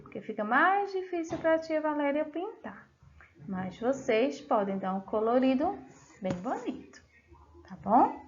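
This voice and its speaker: A Brazilian woman teacher with a Brazilian accent, slowly walking young children through a lesson in a sing-song way. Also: sits high, big pitch swings, lo-fi sound. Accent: Brazilian Portuguese. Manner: slow, sing-song teacher talk, drawing out words. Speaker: first-grade teacher.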